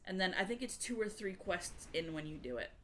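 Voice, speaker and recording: Female game streamer, slightly low voice, relaxed live-stream chat and explanation, some background noise. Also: fairly quick. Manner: conversational, explaining game tips to viewers. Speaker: variety gamer and streamer.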